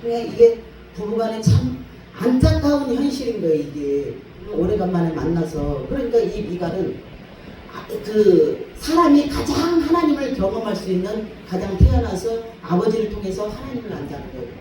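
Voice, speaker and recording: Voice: medium pitch, normal speed, noisy background. A guest pastor preaching at a revival meeting, telling stories with laughter and acting out the people in them. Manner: lively storytelling, acts out quotes, laughs often. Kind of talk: revival sermon. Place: church sanctuary. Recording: echoey church hall, voice far from mic.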